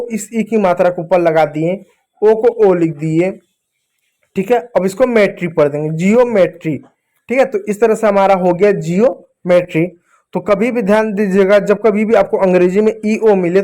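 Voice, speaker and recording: A man with a high voice gives a phonics lesson to children. He asks and answers his own questions and slows down as he spells out each letter. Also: a little mellow. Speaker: English reading teacher.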